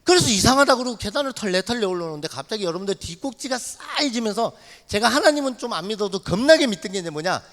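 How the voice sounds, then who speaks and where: A man, a missionary, preaching a dramatic testimony in a church sanctuary, acting out shouts and dialogue as he tells his story. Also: sits high, animated, fast. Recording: long hall reverb in church.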